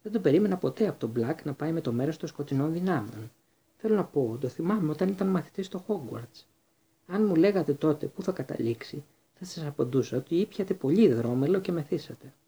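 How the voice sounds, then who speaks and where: Gossipy friendly innkeeper lady, a man doing her, husky. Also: fairly high pitch, expressive, dark tone, voice pushed up. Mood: chatty. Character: friendly female innkeeper, chatty and curious.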